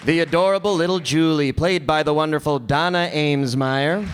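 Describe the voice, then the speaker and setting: On stage before a live audience, a man hosts a show as announcer for a radio players troupe. His voice sits on the high side at a moderate pace, and he announces casually and effusively with some stumbles. The live room carries crowd sound and faint noise.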